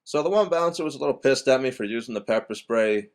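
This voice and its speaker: A man's voice: medium pitch, expressive, quick pace. A young man working as a bouncer, talking in a casual vlog, rambling with many restarts and fillers and swearing bluntly.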